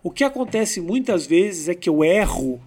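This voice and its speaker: High-voiced man talking slowly. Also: big pitch swings, darkish tone. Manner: talks slowly with deliberate pauses. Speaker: comedian interviewing a fellow comedian. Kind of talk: casual interview chat.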